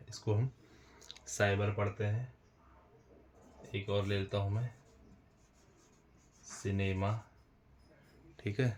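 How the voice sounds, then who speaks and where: Low-voiced man teaching a lesson. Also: darkish tone, slight background noise. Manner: repetitive, addresses viewers as friends. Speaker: English teacher. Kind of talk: explanatory lesson with writing on board.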